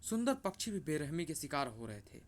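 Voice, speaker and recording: A man's voice: a little high, very animated, a little fast. A man narrating a comic story in a dramatic, theatrical storytelling style. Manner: theatrical, shifts voice between characters.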